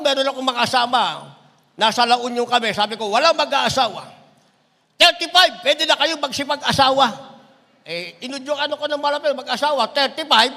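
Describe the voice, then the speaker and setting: A middle-aged man preaching an impassioned sermon, swinging between shouts and low asides. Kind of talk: Tagalog sermon. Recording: long hall reverb.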